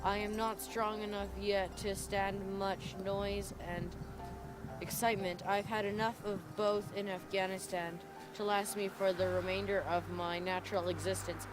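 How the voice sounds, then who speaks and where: A woman's voice: medium pitch, flat delivery, moderate pace, close to an everyday voice. Woman playing a weary army doctor, earnest. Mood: wistful. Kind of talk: amateur drama reading. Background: background music.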